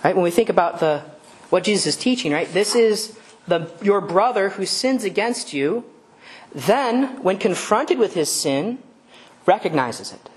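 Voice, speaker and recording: A woman's voice: mid-range voice, animated, measured pace. A woman preaching a sermon in a conversational way, asking rhetorical questions and stopping to correct herself.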